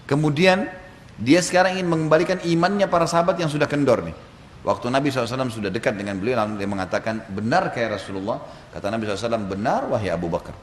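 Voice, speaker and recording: A male preacher telling a story to his congregation in a sermon, with animated delivery. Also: mid-range voice, very fast. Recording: echoey hall, faint background noise.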